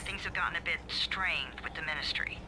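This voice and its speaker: Cold radio handler, walkie-talkie crackle. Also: male voice, on the high side, brisk. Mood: cold, sardonic. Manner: formal, condescending. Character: cold, sardonic male agency handler over radio. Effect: two-way radio, thin walkie-talkie sound. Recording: noisy, telephone-like radio transmission.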